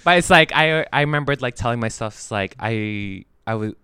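A man's voice: medium pitch, animated, brisk, pushed and bright, clear, resonant tone, no echo. A young man talking casually in an apartment, rambling with lots of fillers and restarts. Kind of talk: casual chat.

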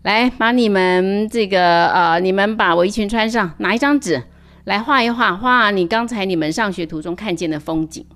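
A woman voicing a brisk, busy schoolteacher giving instructions in a storybook reading. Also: mid-range voice, natural voice. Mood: instructing. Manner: bright, bossy classroom instructions. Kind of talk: picture book reading.

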